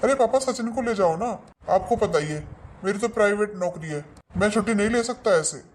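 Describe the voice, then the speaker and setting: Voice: medium pitch, expressive, brisk, close to an everyday voice. A performer voicing a grown son who dodges his father's request and asks for money, in a family comedy skit. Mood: evasive. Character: adult son with a private job, evasive.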